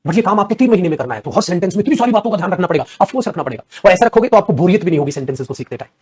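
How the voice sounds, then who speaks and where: An Indian man teaching a spoken English class online, coaxing and animated as he mixes English example lines into his explanations. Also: high voice, rapid-fire, slightly rough.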